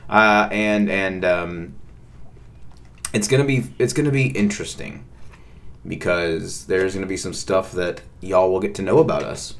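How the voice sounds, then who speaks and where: A man's voice: sits low, a little slow, creaky. A man, co-hosting a casual couple's podcast, rambling with lots of fillers and repeated words. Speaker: podcast co-host.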